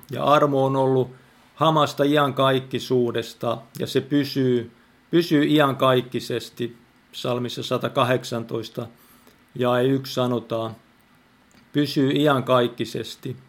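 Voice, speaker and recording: A man hosting an online prayer meeting, giving an unhurried, reflective devotional talk with Bible reading and repeating key words. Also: mid-range voice, fairly even intonation, a bit bright.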